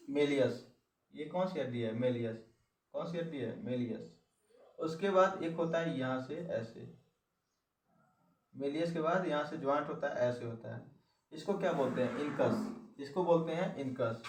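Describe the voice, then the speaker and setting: A man's voice: a little high, darkish tone, distant mic. Male teacher, exam-prep biology lesson, drills terms by repetition, recorded in an echoey room, set back from the mic. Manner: repeats key terms and quizzes the listener.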